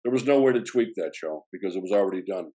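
In a low-quality recording, a man with a deep, warm voice speaks quickly and with animation. He's an actor from the south side of Chicago with a strong accent, and as an interview guest he tells his story in a rambling way, full of "you know" fillers and restarts.

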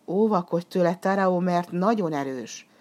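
A woman voicing a gentle, protective young girl in a storybook reading, urgent and pleading. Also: on the low side, natural voice.

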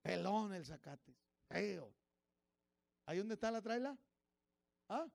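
High, gravelly preacher. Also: male voice, expressive, slow pace, no room sound. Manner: switches between Spanish and English, calls out congregation members by name; grows louder and more fervent as he preaches. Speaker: pastor. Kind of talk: sermon.

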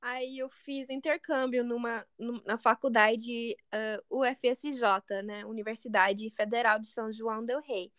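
A woman from the United States with an American accent, a native English speaker chatting casually on a podcast, halting and searching for words. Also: on the high side, steady tone, a bit bright, smooth, dry recording, clean studio sound. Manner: hesitant, searching for words, many restarts. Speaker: co-host.

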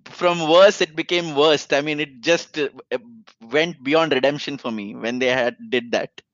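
A man's voice: on the high side, fairly even intonation, measured pace, fairly bright tone, no echo, muffled recording. An Indian-accented man in an argumentative, emphatic film discussion, casually switching between English and Hindi. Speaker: podcast panelist.

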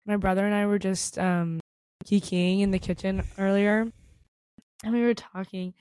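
A woman's voice: medium pitch, steady tone, moderate pace, darkish tone, smooth, no room sound. A woman co-hosting a chat podcast who gushes, exclaims a lot and talks with many "like" fillers. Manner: gushy, exclaims often, lots of "like" fillers. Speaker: podcast co-host. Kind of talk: casual chat.

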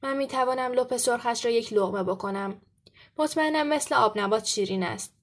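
A woman reading aloud, voicing a hungry, crude goblin who gloats over food. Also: fairly high pitch. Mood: gloating.

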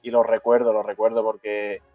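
A man's voice: on the low side, flat delivery, no room sound. A man hosting a talk, telling a memory with many stops and repeated words. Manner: halting, repeats words, moved. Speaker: host of a brotherhood talk show. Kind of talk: emotional storytelling in casual chat. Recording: dull lo-fi sound with faint music.

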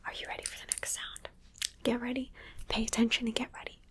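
A woman whispering softly into a close microphone, coaxing and praising the listener through an ASMR guessing game. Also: a little high, flat delivery, fast talker. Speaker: ASMR creator. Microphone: close sensitive microphone.

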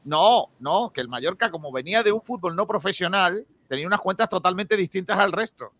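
A man hosting a lively football debate, insistent and quick to argue back. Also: high-pitched. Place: studio in Málaga.

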